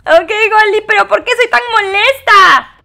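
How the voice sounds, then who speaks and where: A woman casually commenting on her gameplay, animated and dramatic, with frequent exclamations and giggles. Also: very high-pitched, unhurried, vocal fry, faint music behind. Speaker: host.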